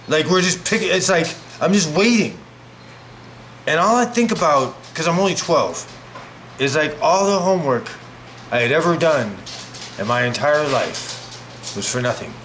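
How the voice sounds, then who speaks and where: A man's voice: on the high side, a little slow, pauses often, a little hiss or hum. Rambling man telling a story. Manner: rambling, animated, many "like" fillers. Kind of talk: casual storytelling. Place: home, preparing food.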